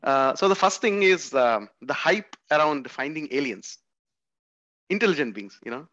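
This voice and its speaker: A man's voice: a little high, animated, moderate pace, fairly bright tone. A man hosting an interview, hesitant and full of fillers and restarts. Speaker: show host. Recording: dull lo-fi sound.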